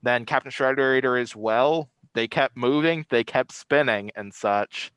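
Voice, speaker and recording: A man hosts a casual recap while speaking through a face mask. His voice stays smooth and clear in a dry, close space, at a medium pitch. He rambles a little, repeating phrases and trailing off. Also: unhurried, fairly bright tone, no room sound, low-quality recording. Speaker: host. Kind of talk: casual video discussion and fight recap.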